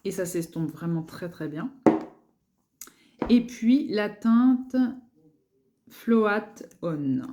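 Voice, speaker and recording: A woman's voice: lowish voice, warm tone. A woman beauty vlogger chatting casually through her makeup collection, hesitant, with many fillers and repeated words.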